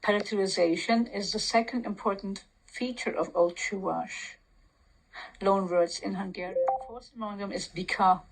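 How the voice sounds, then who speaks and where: A woman with a Turkish accent, a Turkish native speaker, reading aloud from a text and commenting on it with pauses, fillers and restarts. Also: medium pitch, fairly even intonation, poor audio. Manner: reads aloud slowly, pausing, many fillers and restarts. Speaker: language commentator.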